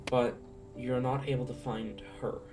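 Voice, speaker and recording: A game master improvising narration for a tabletop role-playing game, halting and thinking aloud. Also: medium pitch, steady tone. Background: faint guitar music.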